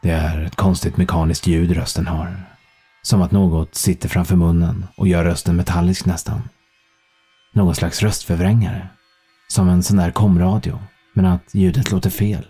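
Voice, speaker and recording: Deep, flat-voiced male audiobook narrator. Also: breathy edge. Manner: calm, measured, even storytelling.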